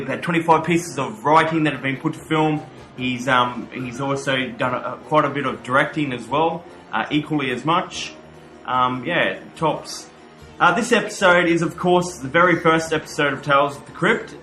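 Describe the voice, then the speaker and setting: A man presents a horror podcast as its commentator, with horror-host flourishes. His voice is bright and forceful at a medium pitch. The room echoes and music plays faintly behind him.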